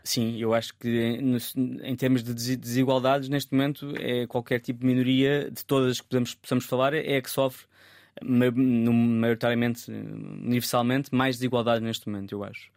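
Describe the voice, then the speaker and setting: A man speaks as a guest in a casual interview, at a middle pitch. He talks in a thoughtful way, often breaking off and repeating words as he searches for them. The sound is dry and close to the microphone. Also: level tone, moderate pace, no echo. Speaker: photographer guest.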